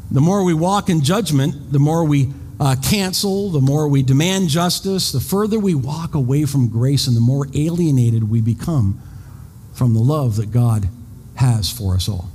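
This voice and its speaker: A man's voice: medium pitch, moderate pace, darkish tone, slightly rough. A pastor in his fifties giving a sermon in a conversational way, often repeating words and making self-deprecating asides. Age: 50s. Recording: long reverb, faint background noise.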